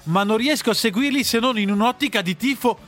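A man's voice: very high-pitched, fairly quick, fairly bright tone. A man co-hosting a casual talk show, speaking in an earnest, emphatic way. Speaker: radio co-host. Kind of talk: casual studio chat.

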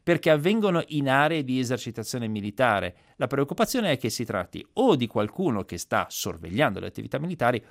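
A male radio host who explains with lively, swinging intonation and an ironic edge. His voice is dry and close to the mic. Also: medium pitch, fairly quick, gravelly, hardly any pauses, dry recording. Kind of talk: casual explanatory chat.

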